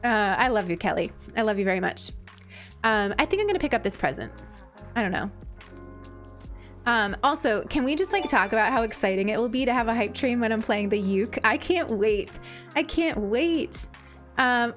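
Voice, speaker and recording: Girl streamer chatting w her viewers, kinda high sweet princess voice, super affectionate and gushy, bit of music in the back. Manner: gushing, affectionate. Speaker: game livestreamer. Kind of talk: casual livestream chat, thanking viewers.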